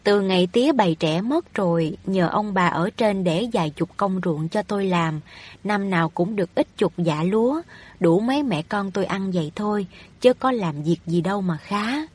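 A woman's voice: mid-range voice, normal speed, a little mellow, slightly rough, close to an everyday voice. A woman voicing a humble poor widowed peasant mother in a storybook reading, anxious and pleading. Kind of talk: audiobook reading of a novel.

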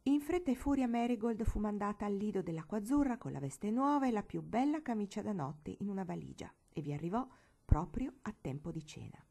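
Woman, audiobook narration, mellow tone, measured pace, mid pitch. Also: animated, creaky. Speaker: audiobook reader.

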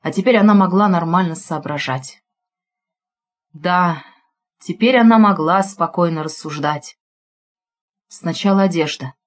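A woman narrating an audiobook expressively, following the heroine's thoughts. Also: mid-range voice.

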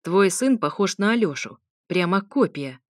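A woman's voice: lowish voice, expressive, moderate pace, dry recording, clean studio sound. A woman voicing a sardonic, jealous young man who needles his ex with mocking, irritable remarks. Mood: sneering.

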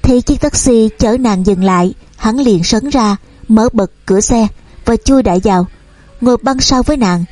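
Mellow woman narrating a story. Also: on the high side, moderate pace, no room sound. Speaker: audiobook narrator.

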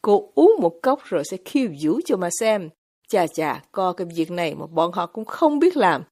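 A woman's voice: lowish voice, very animated, moderate pace, darkish tone. A woman voicing a cynical, mocking young man in an audiobook, with a sarcastic, brusque delivery. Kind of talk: audiobook character reading.

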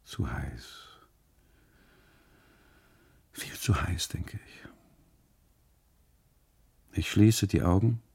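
A tired, brooding husband turns his thoughts over in a radio drama monologue. The voice sits very deep, dark and rough with gravel and breath. He speaks slowly and close, with a dry sound. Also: no echo, heavily acted. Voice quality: gravelly, husky low voice. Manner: slow, inward, musing delivery. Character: brooding German husband on an unhappy holiday, weary. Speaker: first-person narrator of a radio monologue.

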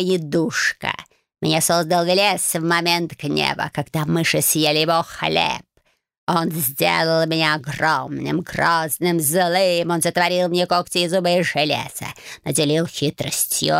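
Woman doing an ancient magic tomcat, haughty, drawn-out words, lowish voice. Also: creaky, fairly bright tone, smooth, no echo, studio quality, heavily acted. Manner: slow, drawn-out, haughty, with meows. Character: ancient proud male magic cat, menacing sage. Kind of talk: audiobook character voice.

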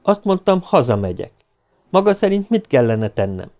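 A man's voice: mid-range voice, very animated, darkish tone. A man reading an audiobook, voicing an agitated, grieving young man in his twenties. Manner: pleading, heated outbursts.

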